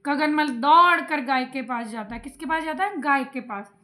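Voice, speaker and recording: A woman's voice: sits high, normal speed. A woman teacher explaining a story to children, asking them questions as she goes. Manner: lively, asks the class questions. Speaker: Hindi teacher.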